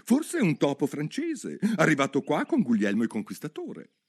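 A man's voice: a little high, huge pitch swings, normal speed, slightly rough, voice pushed up, full character voice. A man reading a storybook aloud, voicing a curious, polite young girl who rambles eagerly. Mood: chatty.

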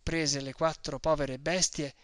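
A man narrating a storybook reading in a calm, measured way. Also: on the high side, no echo.

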